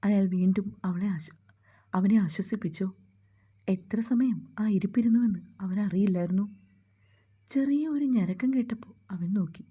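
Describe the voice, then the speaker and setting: A woman reads a scripted story aloud at a mid pitch, with a husky, breathy voice that often drops to a near-whisper. The recording sounds slightly dull and muffled. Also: warm tone.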